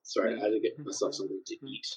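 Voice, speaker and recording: A man's voice: on the low side, very fast, a little mellow, husky, poor audio. A man chatting casually with friends as a regular on a gaming podcast. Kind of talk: casual chat.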